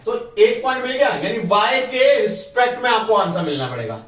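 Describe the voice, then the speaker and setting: A man teaching a school math lesson, explaining step by step and quizzing his students with quick questions. He reads terms. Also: high-pitched, animated, a bit bright, reverberant, far from the mic.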